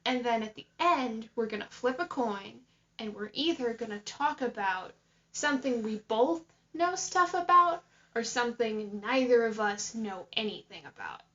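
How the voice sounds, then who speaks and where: A woman's voice: a little high, normal speed, pushed and bright. A young woman co-hosting a casual podcast, rambling and jokey with a curious manner. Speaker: podcast co-host. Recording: dull lo-fi home recording.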